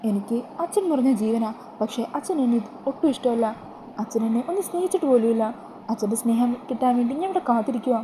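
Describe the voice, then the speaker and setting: A woman's voice: on the high side, mellow, slight background noise, lightly acted, poor audio. A woman voicing an upset young woman who is pleading and longs for her father's love.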